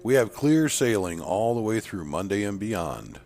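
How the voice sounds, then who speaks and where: A man voicing a jokey male friend in a spooky short story, talking through a mouthful, slow and reassuring. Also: fairly low pitch, big pitch swings, darkish tone, soft background music.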